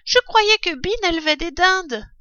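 A woman voicing an eager young fox cub, a small boy who gets excited. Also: very high-pitched, a little slow, no room sound, voice pushed up, exaggerated voice. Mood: curious. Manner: excited, wide-eyed. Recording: dull, dry recording.

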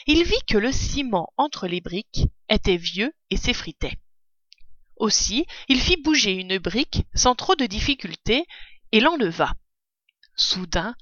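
A woman reading a children's story aloud with expressive narration. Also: medium pitch, no echo. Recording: dull, dry recording.

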